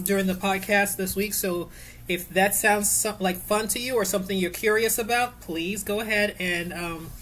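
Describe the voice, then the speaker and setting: A woman's voice: lowish voice, a bit bright, slight background noise. A woman casually teaching an easy sewing project at home, chatty and rambling, with many fillers and self-corrections.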